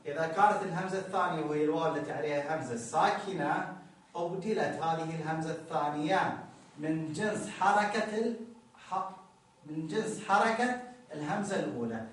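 A man's voice: a little high, fairly quick. A male teacher explaining a grammar lesson step by step, repeating words as he points at the text. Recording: echoey room, distant mic, faint noise.

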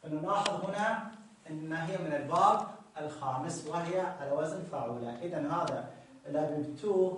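A man's voice: a little high, moderate pace, a bit bright, far from the mic. Man teaching in an echoey room. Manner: patient, repetitive, reads a text line and explains it. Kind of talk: explaining Arabic morphology.

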